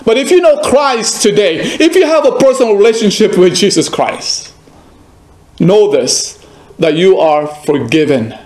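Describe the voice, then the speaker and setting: Slow, high-voiced male preacher. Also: lively intonation, darkish tone. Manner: emphatic, repeats phrases, asks the listener direct questions. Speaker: pastor. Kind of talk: sermon. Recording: echoey room.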